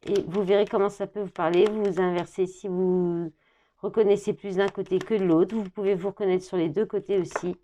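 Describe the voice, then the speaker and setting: A woman's voice: medium pitch, fairly even intonation, fairly quick, slight background noise. Woman chatting through a tarot reading. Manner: thinks out loud, reads card words, many "hein" and "bah". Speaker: tarot card reader.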